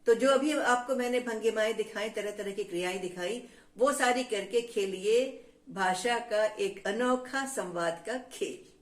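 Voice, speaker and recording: Slow, teacherly woman storyteller for kids, echoey room. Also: a little high. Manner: teacherly, addresses listeners as friends. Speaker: storyteller for children. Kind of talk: children's storytelling lesson. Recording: roomy echo.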